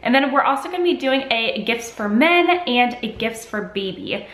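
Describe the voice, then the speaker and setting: Her voice is on the high side, animated and fairly bright, at a moderate pace: a woman in her twenties with a cold, sniffling through a casual talk to camera. She's a chatty lifestyle vlogger who gestures often with her hands, filmed at desk distance in an echoey home kitchen.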